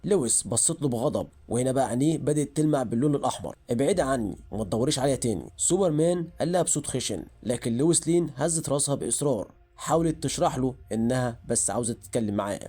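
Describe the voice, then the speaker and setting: A man's voice: medium pitch, very fast, dark tone. A man with an Egyptian Arabic accent, retelling a comic book story as scripted narration.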